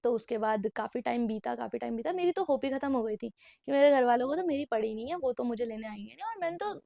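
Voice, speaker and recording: This twenty-something vlogger, recording indoors at night, shares a personal story in casual Hindi laced with English and keeps dropping "bhai." Her pitch is fairly high, and she sounds animated, quick, creaky and warm.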